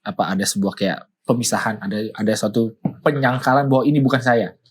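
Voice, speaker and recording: A man, a pastor, talking through a Bible study discussion in a reflective way, often pausing to search for words. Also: fairly low pitch, flat delivery, slightly rough.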